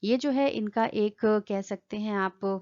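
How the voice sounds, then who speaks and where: A woman's voice: mid-range voice, measured pace, darkish tone, lo-fi sound. A woman teaching an exam-prep lesson, explaining step by step and often checking in with her listeners. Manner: explanatory, repeats "ठीक है" often. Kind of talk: exam-prep lecture in Hindi-English mix.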